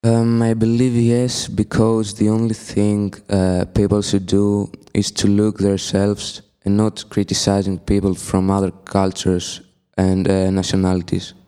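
A teenage boy from Greece, answering haltingly with many pauses. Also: on the low side, monotone, mellow, clean tone. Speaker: student guest.

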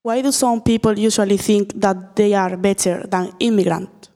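A woman's voice: mid-range voice, steady tone, normal speed, warm tone. A woman from Spain, hosting and asking the interview questions briefly. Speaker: podcast host, interviewer. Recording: reverberant room.

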